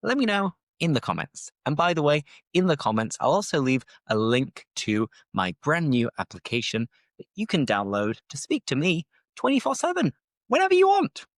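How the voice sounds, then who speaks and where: Here a British podcast host who teaches English rambles casually and unscripted, explaining phrases as he talks. His voice runs high with huge swings in pitch at a normal speed, in a dry recording.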